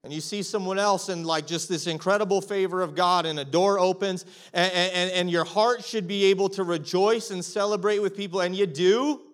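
A man preaching a sermon as pastor, earnest, acting out prayers to God and dropping to a soft hush at times. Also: high-pitched, steady tone, moderate pace, few pauses. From Canada.

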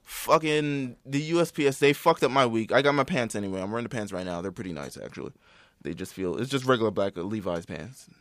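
A man's voice: lowish voice, fast talker, no echo, clean studio sound. Young New man ranting. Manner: swears a lot, animated storytelling. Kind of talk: casual profane rant.

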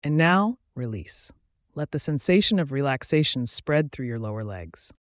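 A man guiding a relaxation meditation in a calm, soothing, measured way, giving instructions with pauses. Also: on the high side, dry recording, clean studio sound. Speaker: meditation guide. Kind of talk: guided relaxation meditation narration.

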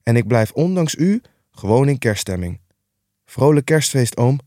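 A man's voice: mid-range voice, very animated, a little slow, mellow, no room sound, voice pushed up. A man voicing a relentlessly cheerful young nephew in an audiobook reading, earnest, upbeat and pleading. The recording is dry and close.

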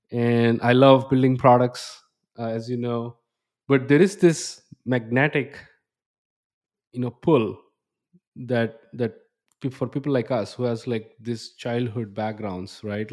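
A man in his thirties hosts a podcast with a mid-pitched voice. He talks reflectively and rambles, often restarting his sentences. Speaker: podcast host. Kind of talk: casual interview chat.

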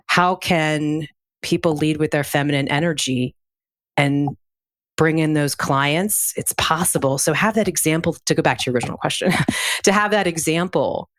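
A woman's voice: low voice, no room sound, clean studio sound. A woman speaking as an interview guest in a conversational, reflective way, explaining through examples and questions.

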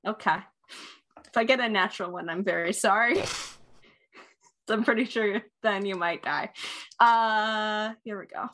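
A woman's voice: mid-range voice, measured pace, long pauses, fairly bright tone. A woman chatting casually as a player in a tabletop roleplaying game.

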